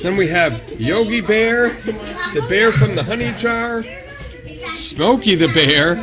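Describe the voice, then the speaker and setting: A vlog host talks casually and slowly about animals, marveling and exclaiming at what turns up. The voice is mid-pitched and unhurried, with clear music playing behind it. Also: lively intonation. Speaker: host of a travel video channel.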